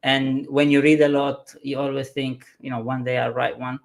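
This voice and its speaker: Italian-accented male consultant, 40s, gravel in the voice, mid pitch. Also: flat delivery, moderate pace. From southern Italy. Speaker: consultant and author. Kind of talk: guest interview on a live webinar.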